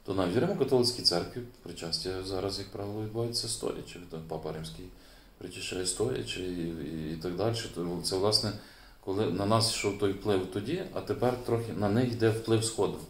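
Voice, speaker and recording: A man's voice: low-pitched, fairly quick, roomy sound. A man who is a priest, giving a sermon in a casual, explaining way, hesitating often with fillers and restarts. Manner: hesitant, many fillers and restarts, chuckles now and then.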